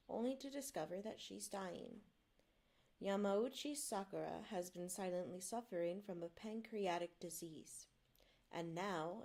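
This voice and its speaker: Streaming casually, a non-native English-speaking woman rambles apologetically, puts herself down, and reads aloud from a book. Her medium-pitched voice has a slightly mellow quality.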